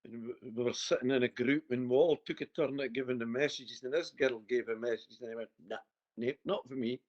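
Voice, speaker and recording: A man's voice: mid-range voice, fairly even intonation, fast talker, darkish tone, no echo. A man with a broad Scottish accent, working as a medium and chatting informally, with some banter, in a one-to-one reading. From Scotland. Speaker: spirit medium giving a private reading. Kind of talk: casual chatty one-to-one consultation. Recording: dull, muffled lo-fi sound.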